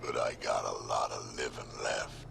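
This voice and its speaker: An actor playing a grumpy, stubborn old male alien warrior in a video game, with a gruff, defiant delivery and a gravelly voice. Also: level tone, normal speed, fairly bright tone, exaggerated voice. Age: older. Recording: noisy mix with game vehicle rumble.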